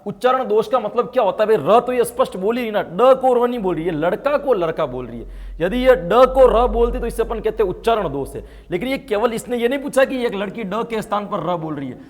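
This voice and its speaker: A man from India leads an online test-prep lecture in a fairly high voice. He keeps asking the class questions and answering them, and his voice swells whenever he hits a key point. The room adds a long, lingering reverb. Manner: explains by asking and answering his own questions, with frequent tag questions; grows louder and more emphatic when stressing key points. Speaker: exam-prep teacher.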